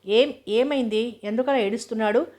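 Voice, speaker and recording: A tender male doctor comforts a child in soft, consoling words. A woman storyteller voices him with a level, unvaried tone in this novel reading. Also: medium pitch, little pitch movement, a little fast, natural voice. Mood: troubled.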